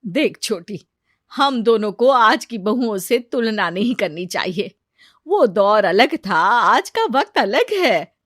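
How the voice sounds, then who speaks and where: A woman voicing a patient, kindly middle-aged mother-in-law in a cartoon story, speaking calmly. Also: mid-range voice, slow, no echo, clean studio sound, exaggerated voice. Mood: gentle. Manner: calm, kindly, reassuring.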